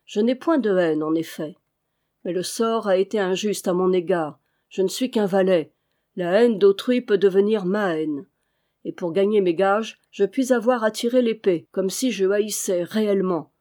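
A woman's voice: medium pitch, normal speed, mellow, close to an everyday voice. A woman reading as a cynical mocking valet. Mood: insolent. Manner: smooth, insolent, coolly ironic.

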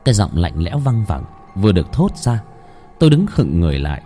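A man's voice: deep voice, sing-song, brisk, dark tone, soft background music. A man narrating a ghost story in a dramatic, suspenseful manner.

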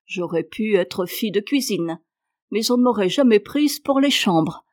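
A woman reading aloud, voicing a frank, good-natured young country maid with a rough, homely way of speaking. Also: mid-range voice, animated, a little slow, no echo, clean studio sound, close to an everyday voice. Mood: matter-of-fact.

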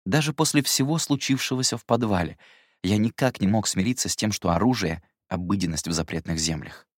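A man with a very deep voice reads a first-person audiobook in an even, measured way. The recording is dry and close, with no room around it. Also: no room sound.

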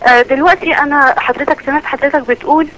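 A woman with an Egyptian accent calling in to ask a question, polite and hesitant with halting restarts. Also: high voice, fairly even intonation, fairly bright tone. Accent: Egyptian Arabic. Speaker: caller. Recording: dull phone call with faint noise.

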